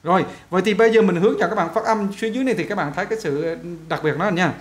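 A male English teacher, giving a pronunciation lesson and saying example words slowly, stretching the vowels. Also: high voice.

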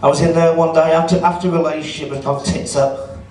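A man's voice: a little high, fairly even intonation, fast talker, darkish tone. A middle-aged man doing a stand-up comedy set in a club, chatty and sarcastic as he teases the crowd. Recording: roomy audio from a distance.

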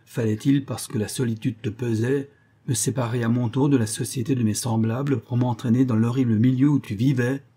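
A man voicing a bitter young man who bursts out loudly in scorn and anger. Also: mid-range voice, fairly even intonation, moderate pace, close to an everyday voice. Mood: furious. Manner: loud, scornful outbursts.

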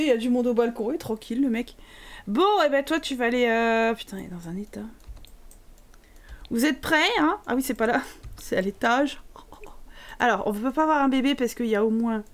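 A woman streaming a life-sim game, joking crudely and talking to the characters on screen. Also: fairly high pitch. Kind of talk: casual gameplay commentary.

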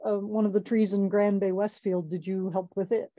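A woman's voice: mid-range voice, little pitch movement, normal speed, lo-fi sound. A woman moderating a talk, hesitantly passing on a question from the audience.

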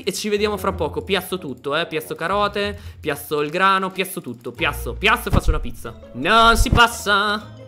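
A young man casually commentating his own game run, animated and chatty, talking to viewers and to the game's characters. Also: fairly high pitch. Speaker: gaming video host. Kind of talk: casual let's play commentary.

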